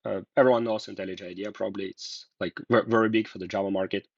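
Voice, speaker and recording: A Russian man, a guest in a casual interview, speaks hesitantly, full of fillers and restarts. He talks fast in a lowish, gravelly voice with a steady tone. The recording is dull and lo-fi, with no room sound.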